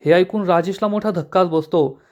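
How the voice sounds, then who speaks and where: A man's voice: sits high, normal speed. A man narrating a recap of a TV serial episode, retelling the scenes and speaking each character's lines in his own voice.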